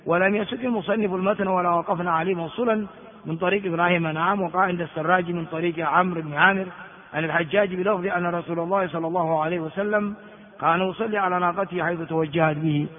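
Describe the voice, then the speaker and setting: An older man teaching as a sheikh, reading hadith texts and explaining them slowly in a lecture. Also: high-pitched, steady tone. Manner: explains slowly, reads then comments. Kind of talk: classroom lecture commentary. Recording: tinny phone-like sound in a large reverberant hall.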